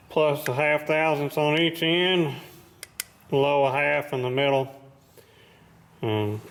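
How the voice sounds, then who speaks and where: Male machinist, medium pitch, casual workshop explainer. Modest, plainspoken, matter-of-fact delivery. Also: a bit bright, slight background noise. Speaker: machinist presenting his repair work.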